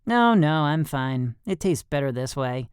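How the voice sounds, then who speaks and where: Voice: medium pitch, animated, a little slow, clean tone, no room sound, clean studio sound, close to an everyday voice. A narrator doing a laid-back teenage boy. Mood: joking. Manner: casual, wisecracking. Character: joking fifteen-year-old boy, laid-back.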